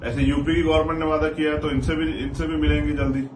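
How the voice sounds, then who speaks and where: A man's voice: on the high side, little pitch movement, quick pace. A man giving an earnest, exhortative political address to his followers as an activist leader, repeating phrases for emphasis. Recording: roomy, distant mic, noisy background.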